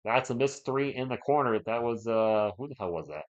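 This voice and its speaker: With an expressive, medium-pitched voice and a slightly quick pace, this man handles live, casual play-by-play of a basketball game despite a sore throat and a voice he's losing. Between plays he chats with viewers, reading and answering their messages, and the stream audio is dull and lo-fi.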